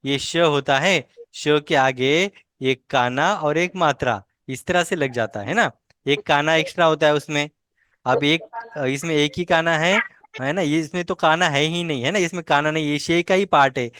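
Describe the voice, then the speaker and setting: A woman teacher with a low voice runs a patient pronunciation drill. She says each word slowly, repeats it and corrects mistakes. The sound is close and dry. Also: a bit bright, no echo. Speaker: language teacher.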